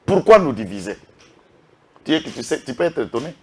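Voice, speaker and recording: A man's voice: medium pitch, big pitch swings, fairly quick, a little hiss or hum. A man with a Congolese French accent giving impassioned political commentary, emphatic and full of rhetorical questions. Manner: emphatic, rhetorical questions, lists names with a repeated "est qui?".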